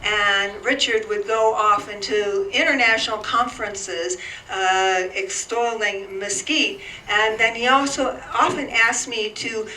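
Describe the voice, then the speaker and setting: A woman's voice: mid-range voice, steady tone, unhurried, bright, forceful tone. Older woman telling stories, echoey room. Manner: storytelling, wry. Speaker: author speaking at a memorial. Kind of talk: personal remembrance. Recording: echoey room, far from mic, faint noise.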